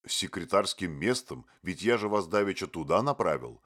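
An irritable bohemian, played by a male narrator barks his lines in short, impatient bursts. The voice is deep and edged with annoyance. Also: lively intonation, moderate pace, a bit bright, husky, full character voice. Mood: sly. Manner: snappish, impatient.

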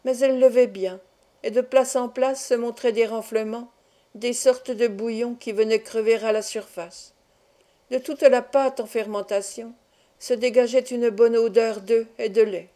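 Woman, audiobook narration, steady measured pace, mellow tone, fairly high voice. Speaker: audiobook reader. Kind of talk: scripted narration of a novel.

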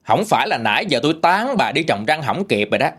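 A man's voice: on the high side, big pitch swings, fast talker, a bit bright, husky, heavily acted. A man voicing an angry husband who scolds and threatens his sister-in-law. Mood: angry threats.

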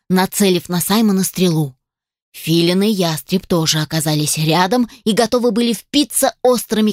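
A woman narrating a first-person fantasy audiobook in an expressive, lively way. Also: lowish voice, dry recording. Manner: expressive, lively, voicing many characters. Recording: dry close voice.

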